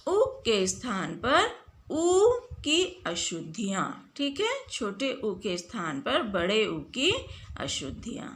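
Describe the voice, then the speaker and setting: A woman teacher giving a spelling lesson, slowly stretching out words and asking her pupils questions. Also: mid-range voice, fairly bright tone.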